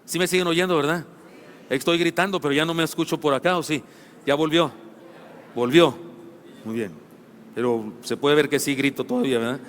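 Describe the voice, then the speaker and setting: A middle-aged Mexican pastor preaching a sermon, telling funny personal stories in an animated way that builds to shouting. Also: male voice, fairly high pitch, normal speed, pauses often. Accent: Mexican Spanish. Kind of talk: sermon with storytelling. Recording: long church hall reverb.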